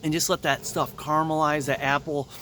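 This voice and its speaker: Upbeat man, home grill cooking host, slightly high voice, light noise underneath. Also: flat delivery, fairly quick, bright, forceful tone. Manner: chatty and upbeat, talks through each step. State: eyes runny from grill smoke. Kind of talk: casual cooking how-to vlog.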